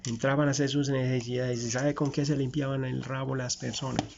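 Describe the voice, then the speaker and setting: A man's voice: mid-range voice, little pitch movement, fairly quick, vocal fry, darkish tone, a little hiss or hum. A man preaching a conversational sermon, folksy and direct, firing rhetorical questions at his listeners and building long repeated lists. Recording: dull lo-fi recording.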